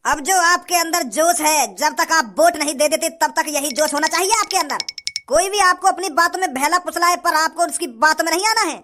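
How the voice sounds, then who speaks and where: A scheming male village election candidate from a cartoon, persuasive one moment and stammering the next, voiced by a woman. The voice is very high. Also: brisk, sharp tone. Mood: rousing. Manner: stammering when cornered, persuasive with crowds. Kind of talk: cartoon voice acting.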